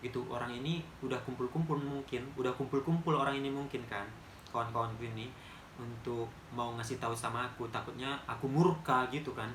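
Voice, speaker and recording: Speaking briskly with a steady tone, this twenty-something man from Medan delivers an emphatic storytime monologue straight to camera. The medium-pitched voice sounds fairly bright, and the room echoes, with slight background noise.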